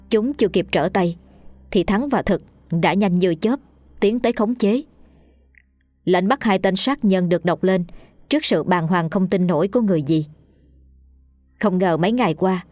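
A woman telling a ghost story in steady, dramatic narration. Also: mid-range voice, normal speed, pauses often, no room sound, soft background music.

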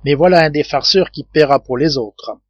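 A man doing a hot-tempered sailor, loud blustering outbursts, pitched up, dull dry recording. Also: moderate pace, dry recording, natural voice. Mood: grumbling.

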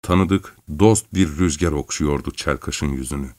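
Male audiobook reader, low voice, measured literary narration. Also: a little mellow, dry recording, clean studio sound.

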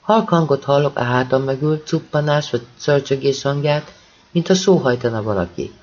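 A man reads a first-person story aloud with urgent intensity. His voice is husky and sits at an ordinary pitch. The recording sounds a little dull and muffled. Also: darkish tone. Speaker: audiobook reader. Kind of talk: first-person audiobook narration.

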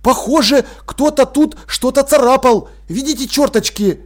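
A man's voice: extremely high pitch, normal speed, pitched above the performer's own voice. A man voicing a cheerful, curious young male apprentice who chatters with open enthusiasm, in an audiobook.

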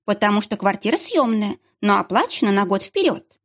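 A woman voicing a sharp-tongued, mocking young heroine with biting, sarcastic retorts. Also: medium pitch, big pitch swings, fairly quick, natural voice.

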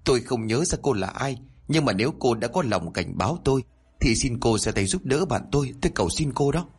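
A man's voice: mid-range voice, expressive, fairly quick, breathy edge. A man voicing an anxious young village woman in a storybook reading, talking urgently and pleadingly.

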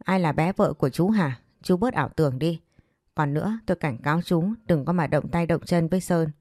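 Headstrong teenage girl, voiced by a woman, sharp and scornful, low voice. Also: a little fast, no room sound, studio quality. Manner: sharp, scolding.

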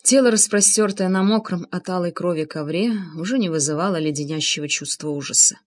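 A woman narrating an audiobook with an expressive, dramatic reading. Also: lowish voice, fairly quick. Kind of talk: scripted narration.

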